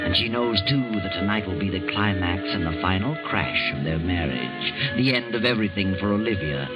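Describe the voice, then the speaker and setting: An actor playing an ominous, all-knowing mystery storyteller, narrating deliberately and theatrically in 1940s radio style. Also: male voice, on the low side. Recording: muffled vintage radio recording. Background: loud music.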